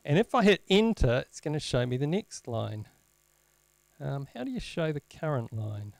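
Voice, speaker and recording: A man presenting an informal live technical demo, halting as he thinks aloud, with wry, self-deprecating humour. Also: a little high, very animated, gravelly. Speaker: presenter at a tech meetup. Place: indoor lecture room, presenting at a screen. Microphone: handheld microphone.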